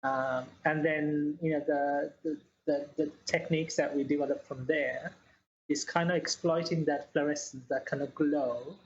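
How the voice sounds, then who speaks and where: A woman from Sri Lanka, a scientist guest in an interview, speaking in a measured way with many fillers and restarts. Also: deep voice, steady tone, highs cut off, a little hiss or hum. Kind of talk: interview answers.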